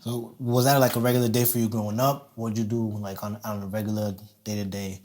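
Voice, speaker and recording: A man's voice: fairly low pitch, little pitch movement, brisk, darkish tone. A man asking short, casual questions as interviewer, with street slang. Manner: brief street-slang prompts.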